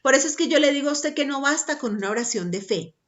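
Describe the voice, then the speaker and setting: A woman's voice: sits high, animated, quick pace, muffled recording. A woman preaching a sermon emphatically, repeating her points and checking in with the listener.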